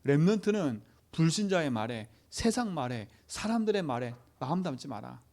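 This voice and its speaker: A man's voice: fairly high pitch, very animated, moderate pace, darkish tone. A man preaching a sermon to a youth service, emphatic, who keeps asking the congregation short questions for agreement. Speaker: pastor.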